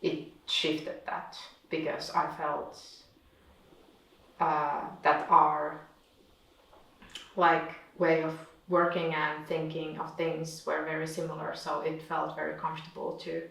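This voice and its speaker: A woman reflects on her work, her voice low and her pace unhurried. She stops often to find her words. The mic sits far off in a room that rings with echo. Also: completely flat delivery, gravelly, fairly bright tone. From Finland. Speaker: visiting artist. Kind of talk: reflective conversation. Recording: echoey room, distant mic.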